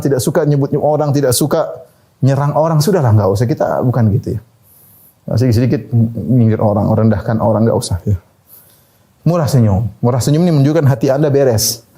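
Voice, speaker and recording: Male preacher, relaxed lecture tone, a touch high and warm, quick to laugh and act out quotes. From Indonesia. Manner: conversational, laughing asides, quotes people in acted voices. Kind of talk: sermon.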